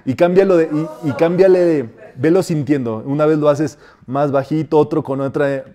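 A man leads a metaphysics class. His voice is mellow and sits somewhat high. He explains calmly and repeats short affirmations slowly and softly to demonstrate them. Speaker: metaphysics teacher. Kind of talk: spiritual class with guided decrees.

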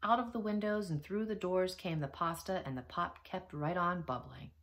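A teacher reading a children's picture book aloud, with expressive storytelling. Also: female voice, lowish voice, normal speed. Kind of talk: children's read-aloud narration.

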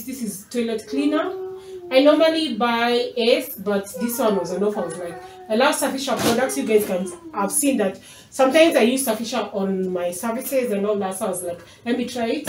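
In her thirties and from Kenya, this mom vlogger talks casually while unpacking groceries in her small kitchen, moving away from the camera as she goes. Her slightly high voice is picked up by a camera mic across the room, leaving the recording echoey, noisy and off-mic.

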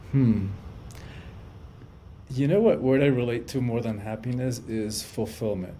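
A Cuban man in his fifties, a life coach and author, joins a video-call podcast as a guest for a casual interview from an indoor room at home. His mid-range, dark voice moves a little slowly, earnest and reflective, often repeating words as he thinks, with a slight hiss or hum.

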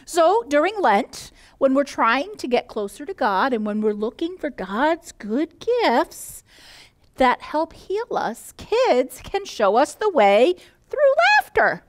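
Woman, high and lively voice, unhurried delivery, church children's message, enthusiastic. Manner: upbeat, enthusiastic explainer.

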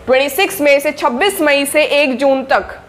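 Talking to camera at a moderate pace, a young adult YouTuber gives casual study coaching to board exam students. Her fairly high voice is friendly and chatty, and she keeps encouraging and checking in with her listeners.

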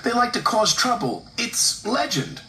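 A man's voice: sits high, very animated, moderate pace, fairly bright tone, a little hiss or hum, voice pushed up. A man voicing a small nervous young male steam engine in a storybook reading, with a stammering, jittery manner. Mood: frightened. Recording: roomy echo with music behind.

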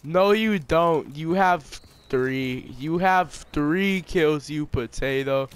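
A man with a fairly high voice trolls an opponent over game chat, speaking slowly as he taunts and mocks him with jokey insults in trash-talking commentary. A little hiss or hum sits in the background.

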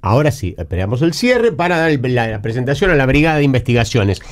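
Animated radio storyteller man. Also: mid-range voice, quick pace, soft background music. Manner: animated, acts out quoted dialogue. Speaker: radio host.

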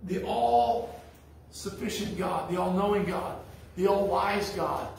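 In a church sanctuary, a pastor with a high, creaky, darkish voice takes his sermon slowly, telling stories in a blunt, folksy way. The echoey hall is recorded from far off, with a bit of hiss or hum.

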